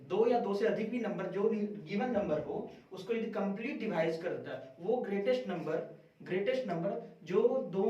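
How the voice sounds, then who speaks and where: A man's voice: high-pitched, a little mellow. Echoey man teaching math. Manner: repeats questions and answers them himself. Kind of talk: classroom math lesson. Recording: very echoey room, distant mic, dull sound.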